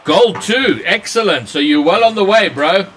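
A man's voice: high voice, expressive, moderate pace, a bit bright, far from the mic. A man commenting on his own gameplay during a live stream, his voice run through a voice changer. He chats with viewers between plays and swears when things go wrong. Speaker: gaming streamer.

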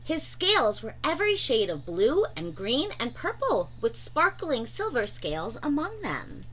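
A young woman giving an expressive children's storybook read-aloud in a room at home. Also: a little high, a little slow, low-quality recording. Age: young adult. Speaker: storybook reader. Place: small room at home, indoors.

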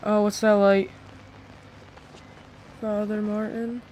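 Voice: medium pitch, little pitch movement, slow, darkish tone, poor audio. Jumpy horror game commentator. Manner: jumpy, repeats phrases when startled. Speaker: gaming host. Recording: clear game noise behind voice.

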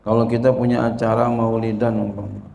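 A man's voice: fairly low pitch, flat delivery, fairly quick, gravelly, warm tone. A man teaching a religious lesson, repeating questions to his listeners and answering them himself. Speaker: Islamic teacher. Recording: echoey room with faint noise.

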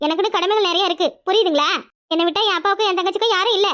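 Curt, sharp-tongued young village woman with a southern Tamil accent, cartoon. Very high, bright voice and rapid delivery. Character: young unmarried village woman, stern, dutiful daughter. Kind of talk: cartoon voice acting.

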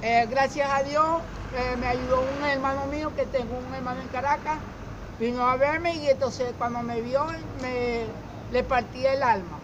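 A middle-aged man from Zulia with a Venezuelan accent, answering a street interview haltingly and often repeating words. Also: very high-pitched, fairly even intonation. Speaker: interviewee, former street newspaper seller. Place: outdoor fruit stall on a city street. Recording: muffled, with loud street noise.

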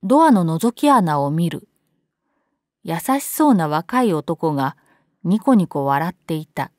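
A woman's voice: lowish voice, very animated, a little slow, darkish tone, no echo, clean studio sound. A woman reading a scary story aloud as scripted narration.

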